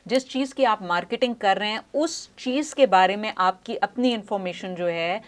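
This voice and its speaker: Studio में समझाती हुई महिला speech pathologist. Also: female voice, medium pitch, moderate pace. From Pakistan. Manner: explanatory, uses examples, mixes English phrases. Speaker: speech pathologist guest. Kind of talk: studio interview, explaining. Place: news studio.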